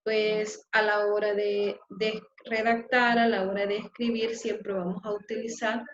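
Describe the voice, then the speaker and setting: Woman teacher, slow patient lecture, roomy echo, dull lo-fi sound. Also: medium pitch, little pitch movement, a little hiss or hum. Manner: slow and explanatory, with frequent rhetorical "¿verdad?". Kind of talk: classroom lecture.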